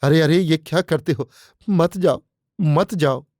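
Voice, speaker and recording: A man's voice: fairly high pitch, normal speed, dark tone, no room sound, studio quality, natural voice. A man voicing a choked, distraught married woman. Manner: choked, breathless pleading. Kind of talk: audiobook character reading.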